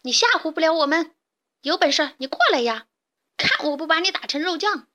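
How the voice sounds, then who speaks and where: A woman voicing a boastful young rooster who shouts taunts, in a children's storybook reading. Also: high-pitched, lively intonation, brisk, voice pushed up. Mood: taunting. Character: loud cocky young rooster.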